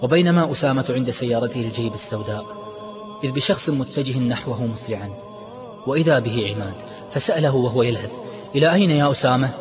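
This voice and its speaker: Man reading a story, steady and expressive, echoey hall. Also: mid-range voice, fast talker, music in the background. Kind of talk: dramatic story narration.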